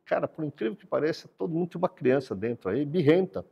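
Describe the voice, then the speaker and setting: A man giving a sermon-like talk about the brain and God, explaining a drawing with animated delivery and repeating words for emphasis. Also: on the high side, fast, vocal fry, breathy edge, big-room sound, lo-fi sound. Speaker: speaker teaching brain science and faith.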